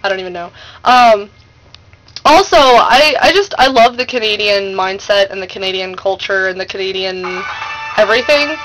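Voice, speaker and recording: A woman's voice: medium pitch, lively intonation, moderate pace, fairly bright tone, poor audio. An American woman chatting casually to her vlog audience in a gushing, slangy, emphatic way. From United States. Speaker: vlogger. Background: music playing.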